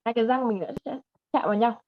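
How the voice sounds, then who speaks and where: Vietnamese lady teaching english sounds online, slow and patient, dull dry call audio. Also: on the high side, dry recording. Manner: patient, models words slowly and repeats them. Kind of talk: online one-on-one lesson.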